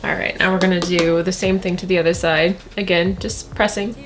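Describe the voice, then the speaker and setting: A woman's voice: on the low side, flat delivery, a little fast. A woman talking through a makeup tutorial in a chatty, casual way, often repeating words for emphasis, with faint music behind her. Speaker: beauty vlogger.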